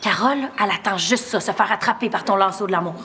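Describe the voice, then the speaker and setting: An actress playing Geneviève, a bossy, scheming friend with a Québécois accent. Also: female voice, mid-range voice, fast talker, sharp tone. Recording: noisy background.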